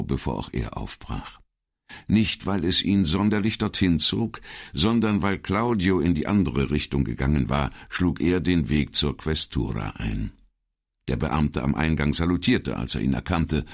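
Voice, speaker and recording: A man narrating an audiobook in a measured, expressive reading. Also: extremely low pitch, gravelly. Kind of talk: scripted narration.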